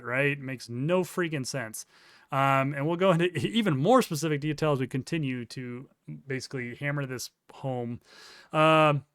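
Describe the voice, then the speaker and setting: A man's voice: on the high side, a bit bright, smooth, no room sound, studio quality. A man giving casual commentary while reading court documents aloud, with sarcastic, incredulous asides. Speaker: crypto news commentator.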